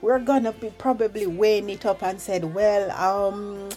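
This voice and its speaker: A woman recovering from flu, her voice a bit low, gives an informal, earnest devotional talk with prayer as a podcast host, unhurried and conversational. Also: steady tone, dark tone, soft background music.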